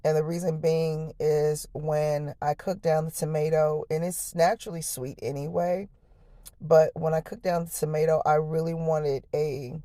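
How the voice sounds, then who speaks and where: An American woman with a hoarse, low, harsh voice gives a casual, folksy cooking voice-over, chatting straight to her viewers. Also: dark tone, dry recording, studio quality. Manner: folksy, chatty, addresses viewers as y'all and honey. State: hoarse, voice lost from the night before. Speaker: home cook, vlog host.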